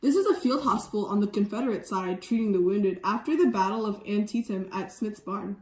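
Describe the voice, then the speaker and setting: A woman's voice: medium pitch, fairly quick, darkish tone, natural voice. A teenage girl playing a sassy student who questions her teacher, in an amateur school skit. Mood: earnest. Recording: echoey room.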